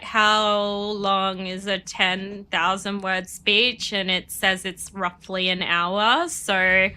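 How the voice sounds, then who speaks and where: Streaming a game while sniffly with a cold, a woman chats casually, rambling and laughing often as she plays. Her mid-range voice comes across pushed and bright.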